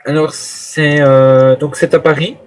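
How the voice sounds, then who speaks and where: A man with a slightly high voice speaks slowly, with little pitch movement. He's making an improvised prank call while posing as a hotel guest, hesitating and rambling. The phone line is noisy and full of clicks.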